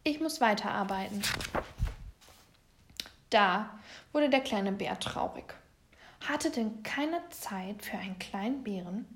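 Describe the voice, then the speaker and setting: Woman reading a children's story aloud. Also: on the high side.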